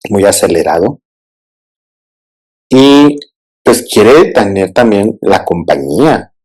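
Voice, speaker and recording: A man's voice: fairly low pitch, a little mellow, slightly rough, rough recording. A man, a therapist, talking reflectively through a film analysis and often checking in with his listeners. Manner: thoughtful, often asks listeners "¿no?" and "¿sí?".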